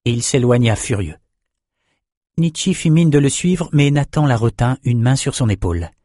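A man narrating a fantasy audiobook in a measured storytelling manner. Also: mid-range voice, expressive, mellow, dry recording, studio quality.

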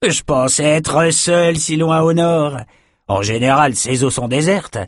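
A man's voice: on the high side, a little slow, no room sound, clean studio sound, voice pushed up, natural voice. Kenneth, a man voicing a jovial fisherman. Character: cheerful lone male fisherman, bare-chested.

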